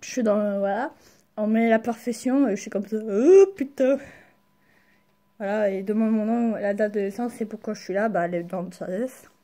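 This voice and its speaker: A young woman chats casually in a vlog, halting and slangy, speaking carefully with a sore mouth after wisdom teeth removal. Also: medium pitch, mellow. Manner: halting, slangy, searching for words. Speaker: vlogger. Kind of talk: casual personal storytelling to camera.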